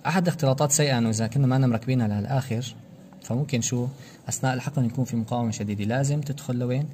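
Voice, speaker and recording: A man's voice: medium pitch, very fast, darkish tone, slight background noise. A man giving a practical anesthesia lecture, explaining procedure steps and quizzing students with rhetorical questions. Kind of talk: practical medical demonstration.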